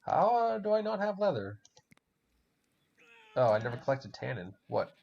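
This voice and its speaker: Over faint music in a dull lo-fi recording, a German-accented man hosts a podcast while playing a game, rambling casually with plenty of swearing and laughter. His voice is mid-range, sing-song and gravelly, at normal speed.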